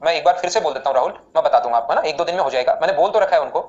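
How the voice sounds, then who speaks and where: A man teaching maths in a live online class, explaining steps rapidly and repeatedly asking students questions. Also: on the high side, lively intonation, a little mellow, highs cut off.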